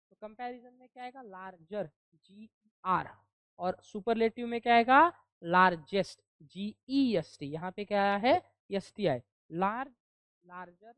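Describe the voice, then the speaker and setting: A woman's voice: mid-range voice, dry recording. A woman teacher from India giving a classroom grammar lesson. She asks questions and answers them herself, and spells words out letter by letter.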